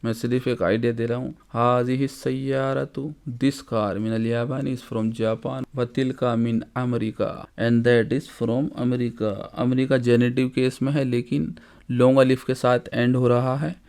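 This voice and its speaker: A man teaching a grammar lesson, reading examples slowly and deliberately and explaining each one. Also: mid-range voice, flat delivery, creaky, darkish tone, smooth. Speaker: Arabic teacher.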